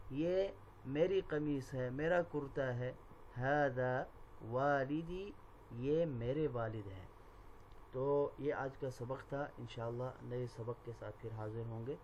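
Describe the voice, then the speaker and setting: A male language teacher who says each Arabic word slowly and clearly, repeats every phrase twice, and explains in quick asides. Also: medium pitch, warm tone, muffled recording, slight background noise. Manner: pronounces Arabic words slowly and deliberately, then explains quickly. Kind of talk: language lesson.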